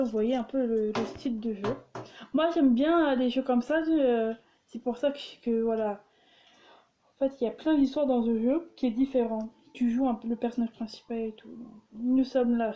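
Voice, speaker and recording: A woman's voice: fairly high pitch, fairly even intonation, normal speed, muffled recording. A woman casually commenting on a story game and reading its dialogue aloud, with a few light swear words. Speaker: gamer playing a story game.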